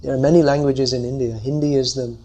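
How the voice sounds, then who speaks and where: A man's voice: medium pitch, steady tone, quick pace, warm tone. A man leading a scripture class, answering audience questions and explaining by thinking aloud.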